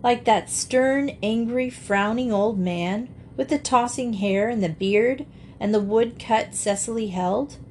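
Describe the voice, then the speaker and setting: A woman narrating a classic children's novel with steady, expressive reading. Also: a little high, slow pace, a little hiss or hum. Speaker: audiobook narrator. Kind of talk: storybook narration.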